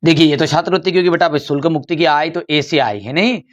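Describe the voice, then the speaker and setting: A man teaches an exam-prep lesson and coaxes his students along, repeating himself often. His voice sits somewhat high, and the recording is dull and lo-fi. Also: fast. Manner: coaxing, repeats phrases, calls students "beta".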